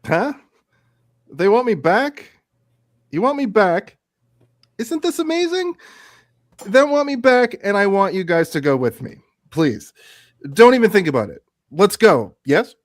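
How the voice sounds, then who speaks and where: A man playing an excitable, boastful washed-up space-show actor in a radio theatre piece, pleading insistently and repeating himself. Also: high voice, unhurried, pauses often, no room sound. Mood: excited.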